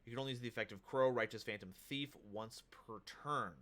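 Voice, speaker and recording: A man's voice: mid-range voice, brisk, pushed and bright. A man hosting a casual livestream, upbeat and hype, who reads card text aloud. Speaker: streamer host.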